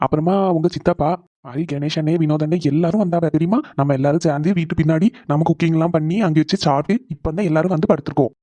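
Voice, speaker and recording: A man voicing a caring husband in a cartoon, talking quickly and reassuringly. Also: on the high side, fairly even intonation, warm tone, no echo, natural voice. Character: caring husband on the phone with his wife. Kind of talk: animated cartoon voice acting.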